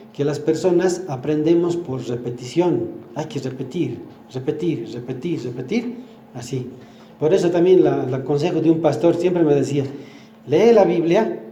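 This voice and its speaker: An older man, the church speaker, gives a sermon at church, teaching through everyday examples and putting questions to the congregation. His voice is fairly high and mellow, the sound is reverberant, and there's a little hiss or hum.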